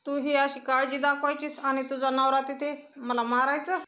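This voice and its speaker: A woman reading the lines of a scheming grown man who fakes being the victim, in a plain, flat reading voice. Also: sits high, normal speed. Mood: whining complaint.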